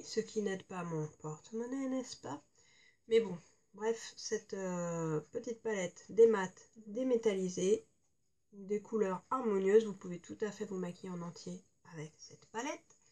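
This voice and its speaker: A woman's voice: medium pitch, darkish tone. A woman beauty vlogger chatting casually through a product review, rambling with frequent hesitations and wry joking asides.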